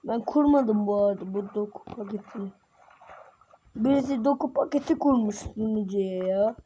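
A woman's voice: mid-range voice, normal speed, dark tone, highs cut off, a little hiss or hum. Sick woman chatting over gameplay. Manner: chatty, self-conscious, slangy. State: sick, voice a bit rough. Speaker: gaming channel host. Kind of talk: casual game commentary.

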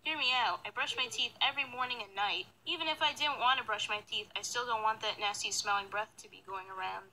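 Young woman, high bright voice, casual animated storytime narration, noisy screen-recorded playback. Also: fast talker, hardly any pauses. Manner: animated, casual youthful delivery.

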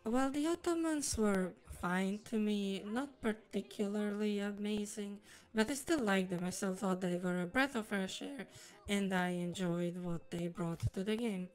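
A woman's voice: mid-range voice, unhurried, darkish tone, clear, resonant tone, soft background music, poor audio. A woman speaking through a voice changer, giving a rambly personal game review in formal, wordy phrasing. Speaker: streamer and video reviewer.

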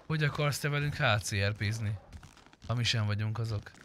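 A man streaming a roleplay game chats casually, blunt and sarcastic and swearing freely. His voice is lowish and a bit bright, with a slight hiss or hum on the recording.

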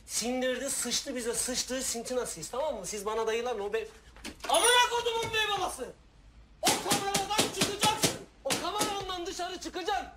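An actor playing a volatile, furious sailor on a stranded ship, ranting and shouting threats. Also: male voice, extremely high pitch. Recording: noisy background.

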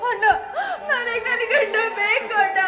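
A woman's voice: very high voice, measured pace, music in the background. A woman playing a young wife who has just lost her husband, wailing and pleading with her brother on a village stage. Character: grieving young widowed wife. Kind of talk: village stage drama acting.

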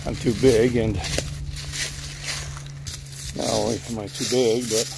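An older man walking through woods, rambling in a relaxed way to a phone at arm's length. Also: mid-range voice, slow, creaky, heavy background noise. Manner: rambling, relaxed, thinking aloud while hiking. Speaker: vlogger. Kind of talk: casual walking vlog. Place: outdoors in woods. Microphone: phone held at arm's length while walking.

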